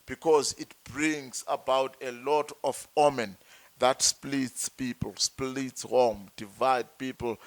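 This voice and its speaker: A man from Zimbabwe, a traditional healer, explaining slowly and deliberately and repeating words as he searches for them. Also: mid-range voice, no room sound. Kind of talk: slow explanatory talk.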